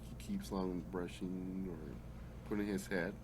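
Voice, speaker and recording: A man's voice: low-pitched, steady tone, slow, darkish tone, a little hiss or hum. A man playing a tabletop role-playing game, improvising narration of what his character does.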